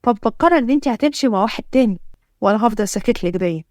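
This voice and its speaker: A woman's voice: a little high, lively intonation, racing, a little mellow, dry recording, clean studio sound, close to an everyday voice. A woman voicing a jealous, possessive older husband with an Egyptian accent and a stern, commanding manner. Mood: accusing. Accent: Egyptian Arabic.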